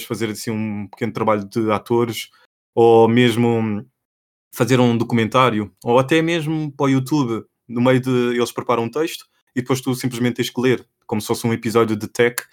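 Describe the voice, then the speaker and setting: A young Portuguese man co-hosting a podcast in loose casual chat. His European Portuguese accent is plain, his pitch sits in the middle, and he rambles with frequent fillers. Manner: relaxed, rambling, many fillers like pá and epá. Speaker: podcast co-host.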